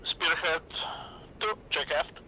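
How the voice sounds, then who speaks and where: A man's voice: fairly high pitch, takes it slowly, sharp tone, a little hiss or hum, poor audio. A man making terse pilot radio calls in a flight-sim training session, speaking over a radio channel in clipped brevity codes. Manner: terse brevity-code phrasing with short fillers.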